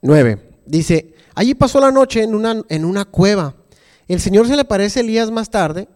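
A man's voice: sits high, animated, normal speed, darkish tone. A man preaching a conversational sermon, acting out voices of Bible figures and joking about himself. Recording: hall reverb.

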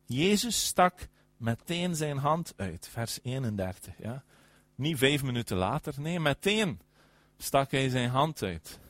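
A man preaching a sermon, emphatic, often affirming with "ja" and swinging between loud and soft. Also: medium pitch, sing-song, slow, no echo.

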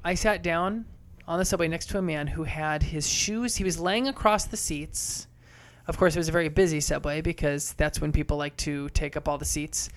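A man's voice: a little high, moderate pace. A man co-hosting a casual podcast, talking animatedly and swearing with exasperation. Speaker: podcast co-host.

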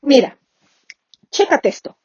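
A woman's voice: slow, mellow, dry recording, dull audio. A woman giving a motivational talk with storytelling, speaking directly to her listener.

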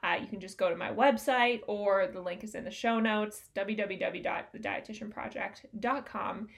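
A woman's voice: medium pitch, normal speed, vocal fry. A woman hosting a solo business-coaching podcast, talking in an upbeat, conversational way with plenty of fillers.

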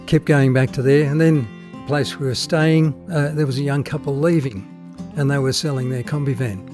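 An older man with an Australian accent tells stories in a relaxed, halting way, full of ums and self-amused laughs. He is outdoors on a street corner. A soft guitar plays faintly behind him. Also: medium pitch. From born in the Netherlands, raised in Australia. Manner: chatty, hesitant with many ums, laughs at his own stories. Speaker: climate activist, interviewee. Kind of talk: casual storytelling.

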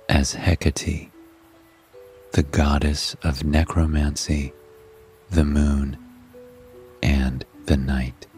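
A man narrating a sleep story as host, in a calm, hushed, soothing manner that lingers on words. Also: a bass voice. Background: music.

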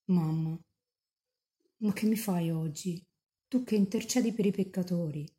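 A nun reading as a young mystic in rapture. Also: female voice, lowish voice, measured pace, warm tone, lightly acted. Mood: fervent pleading. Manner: fervent, tender pleading prayer. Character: young woman mystic in rapture, pleading with Mary.

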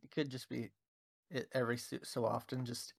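A man's voice: mid-range voice, level tone, normal speed, vocal fry. A man co-hosting a casual chat, teasing and a little theatrical. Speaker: channel co-host.

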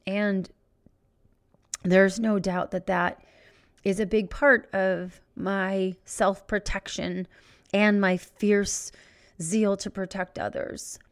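A middle-aged woman hosting a podcast, telling a personal story in an emotional, halting way as she searches for words. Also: medium pitch, little pitch movement. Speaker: podcast host. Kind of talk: personal reflective monologue.

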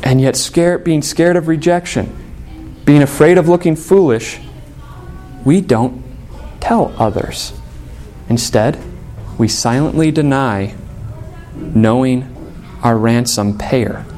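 A man preaching a sermon as a pastor, earnest, and dropping to a soft, low voice when quoting Jesus. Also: takes it slowly, pauses often, soft background music. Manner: earnest, drops to a soft low voice for quoted words.

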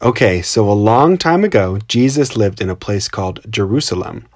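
Male kids' podcast co-host, fairly low voice, simple explanatory storytelling, dry makeshift home recording. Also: sing-song, moderate pace, dry recording. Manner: simple child-directed explaining. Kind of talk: scripted children's storytelling podcast. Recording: makeshift home recording without usual mic.

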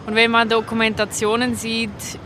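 Out on a city street amid traffic noise, a woman with a Swiss accent gives casual, spontaneous answers to a street interviewer. Her slightly high voice is monotone, pushed and bright, moving at a moderate pace.

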